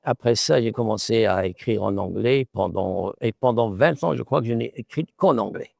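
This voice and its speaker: This middle-aged author and professor, Moroccan-born and a native Arabic speaker, has a deeply gravelly voice with a slightly mellow quality. Speaking at normal speed, he works through his answer to an interviewer, circling back and repeating words as he searches for the right phrasing. There's no room sound on the dry recording.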